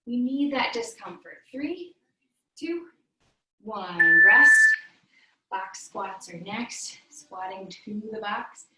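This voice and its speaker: Bright, forceful, and expressive, this medium-pitched female instructor takes her time while she coaches a virtual workout, counting down reps and giving form cues as she trains in a small room. The sound is echoey and faintly noisy, picked up by a distant mic.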